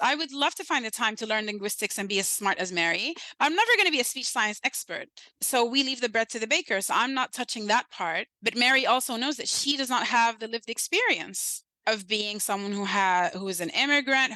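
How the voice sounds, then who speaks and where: Probably in her thirties and from Sudan, this podcast guest has a Sudanese accent with a light British lilt and speaks with earnest emphasis, frequently asking "right?". Her voice sits high, pushed and bright, on a dry recording of poor quality.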